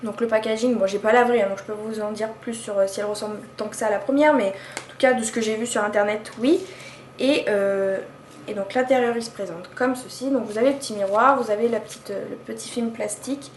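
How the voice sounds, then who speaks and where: A woman's voice: on the high side, quick pace. A woman vlogger casually reviewing her purchases, chatty and hesitant, full of fillers and restarts. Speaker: beauty vlogger. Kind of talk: casual product haul review. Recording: echoey room with faint background noise.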